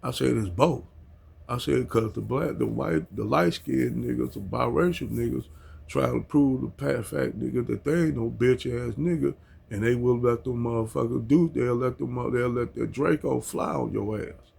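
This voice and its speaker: Chuckling at himself as he goes, this American man vlogs a casual rant from home, full of blunt, heavy profanity and street talk. He speaks at a moderate pace in a mid-range voice that's gravelly, darkish and a bit breathy.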